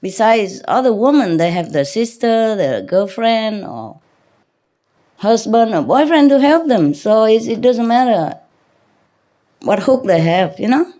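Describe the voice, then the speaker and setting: A woman spiritual teacher chats casually with a group, rambling through anecdotes and banter in a teasing way, often chuckling. Her voice is a little high and warm, with big pitch swings and a measured pace.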